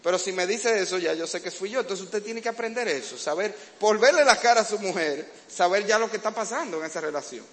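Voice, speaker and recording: Un predicador con acento dominicano que da un sermón sobre el matrimonio con humor e imita escenas de la vida en pareja. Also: male voice, sits high, expressive, fast, hardly any pauses, a bit bright. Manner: humorous, acts out domestic scenes. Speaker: preacher. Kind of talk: sermon to couples. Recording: reverberant hall, faint background noise.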